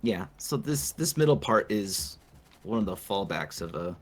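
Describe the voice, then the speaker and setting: A man co-hosting a casual video game review, speaking calmly and matter-of-factly. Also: fairly low pitch, moderate pace, husky. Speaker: co-host. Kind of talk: casual gameplay review chat.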